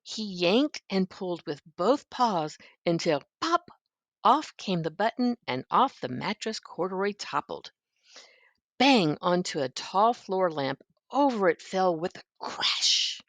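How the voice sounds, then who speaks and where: An older woman reads a children's story in a gentle grandmotherly way. Her voice sits low with plenty of creak, and she tells it expressively. The sound is dry, with no room around it. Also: big pitch swings, measured pace, no room sound. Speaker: storybook reader.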